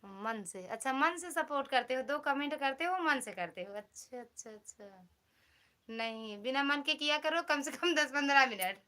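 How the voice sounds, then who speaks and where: A woman's voice: high-pitched, animated, moderate pace, sharp tone. A woman with an Awadhi-flavoured Hindi accent from Uttar Pradesh, hosting a casual live stream, teasing and thanking viewers by name on a phone mic at home. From Uttar Pradesh, India. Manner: teasing, chatty, reads out and thanks commenters.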